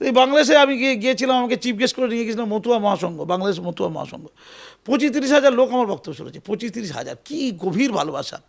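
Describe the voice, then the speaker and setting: A man giving an animated, emphatic political interview, often repeating his phrases. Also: very high-pitched, very fast, vocal fry. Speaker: interview guest.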